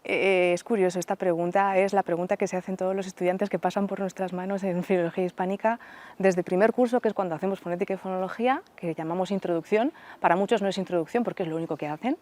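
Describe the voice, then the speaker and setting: A woman professor, a guest on a radio interview, explaining speech sounds in a measured way with examples. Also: on the low side, fairly even intonation, a little mellow. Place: radio studio.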